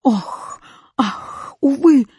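A woman's voice: high voice, lively intonation, extremely slow, dark tone, slightly rough, dry recording, studio quality, pitched above the performer's own voice, heavily acted. A woman voicing a tearful exclamation mark who wails and sobs. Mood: wailing. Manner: sobbing, wailing. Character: weepy, wailing exclamation mark.

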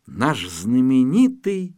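A man's voice: medium pitch, wildly swooping pitch, takes it slowly, a little mellow, no echo, clean studio sound. A man voicing a helpful little girl reciting a rhyme in a storybook. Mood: cheerful.

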